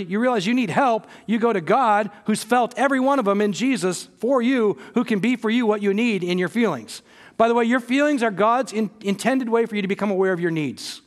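High-voiced man preaching a sermon. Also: big-room sound. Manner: earnest preaching that builds from quiet to emphatic repetition; conversational asides with light humor. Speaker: pastor.

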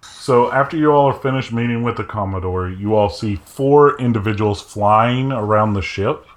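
A man narrating as game master of a tabletop role-playing game, describing scenes in a measured way. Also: lowish voice.

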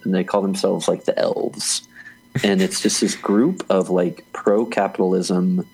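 Low gravelly man in casual podcast chat. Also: steady tone, a little slow, darkish tone, slight background noise, low-quality recording. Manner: rambling, restarts often, laughs easily. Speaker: podcast co-host.

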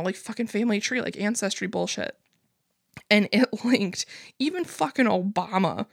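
A woman's voice: medium pitch, creaky, dry recording, clean studio sound. A young adult woman hosting a podcast, telling a story in a rambling casual chat full of swearing and laughs. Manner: profane, rambling, laughs often. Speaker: podcast host.

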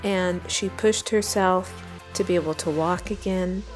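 A woman's voice: fairly low pitch, fairly even intonation, unhurried, soft background music. A woman host introducing her guest in an upbeat, encouraging way and then asking her questions. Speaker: interviewer and host.

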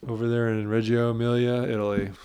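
A man's voice: medium pitch, level tone, fast, warm tone, slight background noise. A man co-hosting a podcast in casual chat, rambling from one tangent to the next. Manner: rambling, meandering storyteller. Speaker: podcast co-host.

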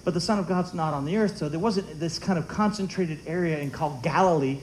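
A man preaching a sermon in a church, animated and conversational, with humorous asides. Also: fairly high pitch, a little fast, a little hiss or hum, poor audio. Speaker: pastor. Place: church sanctuary.

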